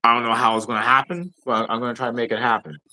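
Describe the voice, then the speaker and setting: A man's voice: mid-range voice, fairly even intonation, very fast, pushed and bright, a little hiss or hum. A man live streaming in casual chat, rambling and swearing freely with lots of filler phrases.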